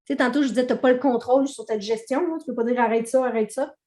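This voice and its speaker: A woman trainer with a Québécois accent explains ideas to a group in a relaxed, conversational way. Her voice sits a little high, and she keeps checking in with the listeners. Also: very fast, roomy sound. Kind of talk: teaching a training session.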